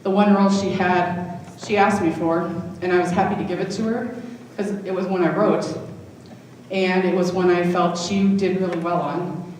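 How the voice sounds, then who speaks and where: This is a school drama director, likely middle-aged, delivering a casual, fond thank-you at a live event. Her voice is lowish and darkish, fairly even in intonation, at normal speed. The distant mic in the large indoor hall makes it very echoey, with a little noise.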